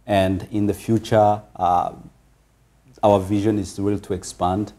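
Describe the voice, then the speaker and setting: A man from Congo talks as a guest in a relaxed interview, his voice low and mellow. He takes his time and often pauses on fillers before going on. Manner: measured, with frequent pauses and fillers. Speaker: interview guest, foundation founder. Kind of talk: casual interview talk.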